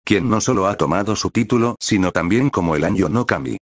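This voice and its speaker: A childlike yet wise god makes a grand proclamation to the world, voiced by a man reading the story. The voice stays deep and low. It is recorded close and dry. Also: expressive, fairly quick, dry recording. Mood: proclaiming.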